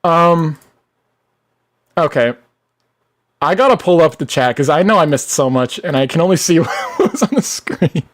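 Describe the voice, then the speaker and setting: A young live streamer tears into a movie, swearing constantly and breaking into shouts. The pitch swings widely between loud peaks and low muttering. The voice sounds worn from all the yelling. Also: moderate pace, long pauses. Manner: profane, animated ranting, bursts into shouting. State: losing voice. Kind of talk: live-stream rant and chat reading.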